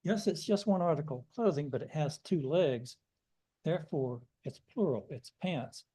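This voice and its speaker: A man's voice: a little high, lively intonation, normal speed, mellow, slightly rough, poor audio. An older American man telling folksy, self-deprecating stories in a sermon. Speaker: guest preacher. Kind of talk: storytelling sermon.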